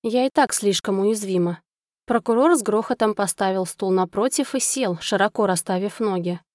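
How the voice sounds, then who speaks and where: A woman narrating a novel in the first person, with an expressive, dramatic reading at a close mic. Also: mid-range voice, normal speed, no echo. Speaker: audiobook narrator.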